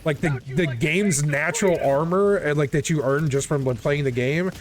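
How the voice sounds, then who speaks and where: A man's voice: fairly high pitch, moderate pace. A man in a casual gaming chat, complaining insistently and repetitively with frequent casual swearing. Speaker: video game player.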